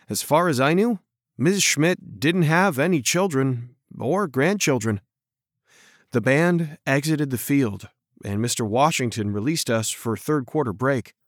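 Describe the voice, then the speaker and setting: A man narrates a first-person storybook at an unhurried pace, his pitch rising and falling freely as he tells it. The sound is close and dry, with no room around it. His delivery is expressive and leans into the dialogue. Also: no echo.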